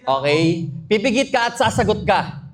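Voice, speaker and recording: A man hosting a live event, teasing the guest in a playful, drawn-out way. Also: high voice, big pitch swings. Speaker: event host. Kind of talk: emcee talk mixing Tagalog and English.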